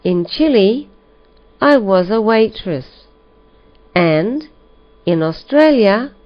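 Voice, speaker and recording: Slow, careful woman reading a listening test. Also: mid-range voice, lively intonation. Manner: slow, careful, evenly paced delivery. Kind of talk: slow scripted reading for learners. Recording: dull lo-fi recording.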